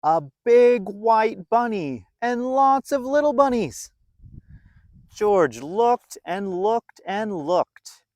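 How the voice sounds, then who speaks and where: In a dry recording, a man whose voice sits high tells a story to little kids. He's playful and expressive, leaning into dramatic emphasis and drawn-out words.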